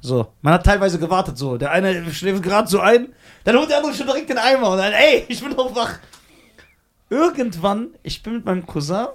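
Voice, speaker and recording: Brief: young man, podcast co-host, quick and slightly high, tells stories with voices. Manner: animated storyteller acting out scenes. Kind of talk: casual chat.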